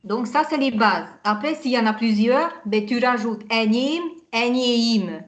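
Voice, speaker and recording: Woman teaching slowly over a call. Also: a little high. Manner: spells words out letter by letter, patient and corrective. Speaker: Hungarian teacher. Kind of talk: language lesson over video call. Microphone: video call.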